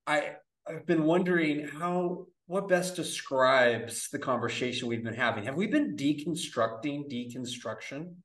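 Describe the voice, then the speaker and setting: A young adult man hosting a podcast interview, wrapping up with warm, affirming, informal thanks. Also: fairly high pitch, animated, measured pace. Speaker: podcast host.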